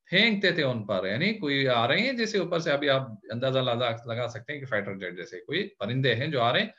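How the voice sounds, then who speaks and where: A man's voice: medium pitch, big pitch swings, bright, forceful tone, lo-fi sound. A man teaching a word-by-word grammar lesson on Quran verses. He patiently repeats each word and its meaning, and keeps checking that his students follow along. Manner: keeps checking in with "theek hai na?".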